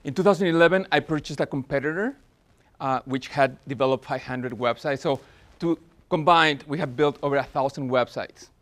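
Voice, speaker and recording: A Spanish-accented man in his forties speaks briskly in a mid-range, fairly bright voice. He's giving an earnest business workshop presentation, often restarting and filling pauses.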